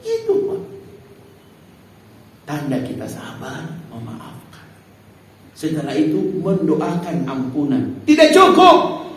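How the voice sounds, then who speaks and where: Lively preacher man in an echoing hall. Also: on the high side, takes it slowly, long pauses, slight background noise. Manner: lively, animated, acts out prayers, addresses audience as Pak. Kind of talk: mosque sermon. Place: mosque hall. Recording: very echoey hall, mic far off.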